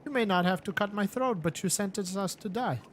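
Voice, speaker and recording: A man's voice: high voice, a little fast, slight background noise, close to an everyday voice. A man voicing a sly, mocking male warlord in a story-driven game, speaking in a theatrical manner.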